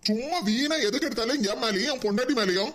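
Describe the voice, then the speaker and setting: A man's voice: extremely high pitch, quick pace, fairly bright tone. A man voicing an exasperated married son in a cartoon, with a Kanyakumari Tamil accent, pleading and reasoning with his mother. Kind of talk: cartoon voice acting.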